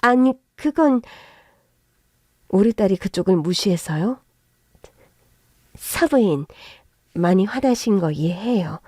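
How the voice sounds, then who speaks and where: A woman voicing a scheming middle-aged mother-in-law who talks in sharp, scolding, high-pitched outbursts in a narrated story. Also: lively intonation, takes it slowly, pauses often, no room sound, clean studio sound. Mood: pleading. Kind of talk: narrated story with acted voices.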